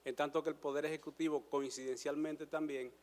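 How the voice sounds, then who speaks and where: A lawyer in his sixties with a Dominican accent, giving a formal presentation to a panel in a measured way, pausing often with fillers. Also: on the high side, little pitch movement, darkish tone. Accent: Dominican Spanish. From Dominican Republic. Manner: measured, hesitant with frequent fillers and restarts. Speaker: lawyer applying before a judicial council. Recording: hall reverb.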